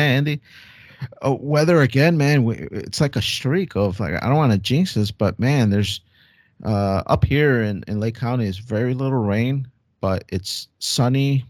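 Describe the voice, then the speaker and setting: A man co-hosting a podcast in casual chat, rambling and relaxed with many fillers. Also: lowish voice, no room sound, studio quality. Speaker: podcast co-host.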